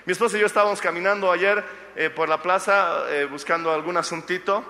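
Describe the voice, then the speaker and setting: A man's voice: high voice, fairly even intonation, brisk, sharp tone, long reverb tail. A man preaching as a pastor, telling a Bible story and acting out its figures' lines, with jokes for the congregation. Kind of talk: sermon.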